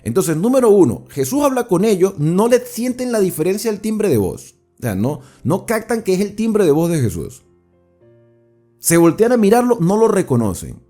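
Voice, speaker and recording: A man leads a Bible study in a lively, rising and falling voice, explaining each verse and turning to ask his listeners questions. His tone is warm and mellow, with soft music playing faintly underneath. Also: high voice, normal speed. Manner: conversational, explains verse by verse and asks the audience questions. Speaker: Bible teacher.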